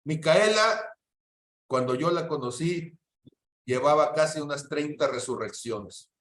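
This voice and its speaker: A middle-aged man teaches a Bible class, telling stories in a lively way. His voice sits high for a man. The room is echoey. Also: a little slow. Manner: animated storyteller, keeps checking in with "¿sí?". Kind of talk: teaching a church class with storytelling.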